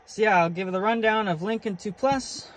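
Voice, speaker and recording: A man with a high-pitched voice talks at a moderate pace, giving a casual, enthusiastic walkthrough of his gear as a hobby vlogger. He speaks informally in and around a truck, and the recording clearly picks up vehicle and ambient noise.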